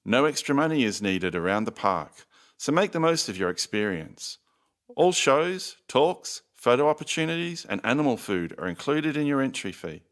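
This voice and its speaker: A man playing the announcer on a recorded phone message, giving scripted visitor information in a measured, formal, promotional way. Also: mid-range voice, big pitch swings, a bit bright. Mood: courteous, informative.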